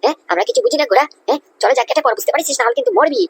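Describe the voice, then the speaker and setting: A woman voicing a hot-headed male wedding guard in a Bengali animated comedy, blustering threats. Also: mid-range voice, rapid-fire, creaky, slightly rough.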